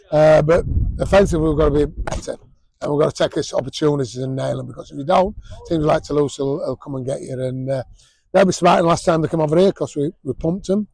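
Gravelly, husky coach. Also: male voice, fairly high pitch, mellow, dry recording, low-quality recording. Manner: blunt, frequent fillers and restarts. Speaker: rugby league head coach. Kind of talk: post-match interview. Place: outdoors at a sports ground.

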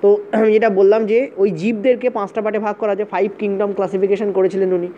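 A teacher races through an exam-prep lecture in a mellow, mid-range voice with little pitch movement. They repeat points, check in with "okay" often, and spell terms letter by letter. The recording is dull and slightly lo-fi, with faint hiss.

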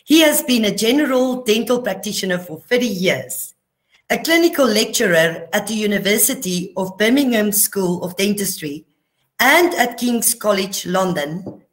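A woman hosting an online webinar over a video call, politely reading a formal introduction. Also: mid-range voice. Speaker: webinar host. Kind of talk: scripted introduction.

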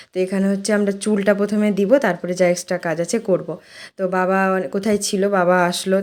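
A woman's voice: on the low side, a little mellow. A woman narrating her family vlog in a chatty, casual way, with many small fillers. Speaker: vlogger and mother.

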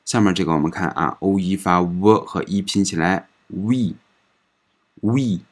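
A man teaching a recorded pronunciation lesson, patiently explaining and saying each example word several times in a drawn-out way. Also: low voice, husky. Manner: patient explaining, ends phrases with soft particles. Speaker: French language teacher.

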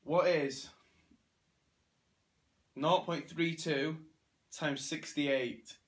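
A man's voice: on the high side, fairly even intonation, drawn-out words. A British teenage man trading casual quiz banter on a sofa indoors. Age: teens. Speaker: challenge participant. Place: living room sofa, indoors. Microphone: camera a short distance away.

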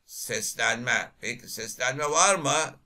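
A man teaching literature for an exam, reading verses aloud and asking his class lively questions he answers himself. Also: medium pitch, slow pace. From Turkey. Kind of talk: exam prep lecture.

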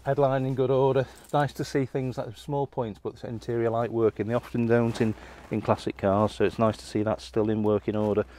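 In a large indoor warehouse, a middle-aged man shows off a classic car for an auction in a relaxed, unscripted walkaround. His mid-range voice moves fairly quickly with hardly any pauses, full of fillers and restarts.

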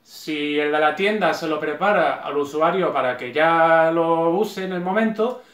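Animated, sarcastic Spanish man in a roomy space. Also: fairly high pitch, a little slow. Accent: Spanish from Spain. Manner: animated, sarcastic rants with many restarts. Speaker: vlogger. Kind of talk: casual opinion vlog. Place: home living room, on a sofa.

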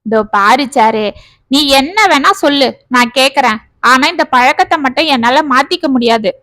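A woman voicing a stubborn middle-aged father who is fond of drink, speaking gruffly in a storybook tale. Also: high-pitched, normal speed, sharp tone, no echo. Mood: dismissive.

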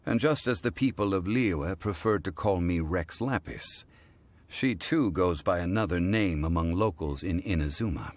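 A man voicing an ancient god living as a calm, dignified mortal, speaking in measured, formal sentences. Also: sits low, no echo. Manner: measured, formal, stately speech. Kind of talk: video game voice acting.

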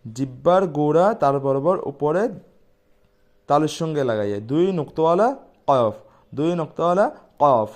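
A man teaching pronunciation, repeating each sound slowly and loudly before explaining calmly. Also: fairly high pitch. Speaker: Quran recitation teacher. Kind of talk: letter-by-letter pronunciation lesson.

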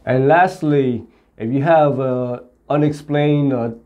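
Taking it slowly, a middle-aged auto repair instructor explains car repair to camera in plain, step-by-step terms. His voice is mid-range, and the audio is dull.

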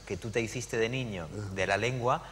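A man from Argentina speaking as a panelist in a live conversation, animated and digressive with frequent hesitations. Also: mid-range voice, normal speed. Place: lecture hall at a public event. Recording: hall reverb, faint background noise.

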